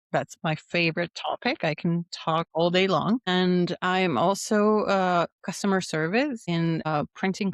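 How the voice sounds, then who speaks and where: A woman in her forties from Venezuela, speaking English, chatting in a lively, expressive way as a podcast guest. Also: lowish voice, no room sound, studio quality. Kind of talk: storytelling in a podcast interview.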